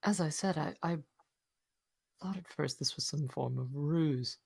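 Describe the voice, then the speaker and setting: A man voicing a mysterious male voice that speaks inside a character's head, in a hushed, measured, theatrical whispered role-play. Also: on the high side, gravelly, breathy edge, no room sound, heavily acted. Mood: cold, knowing.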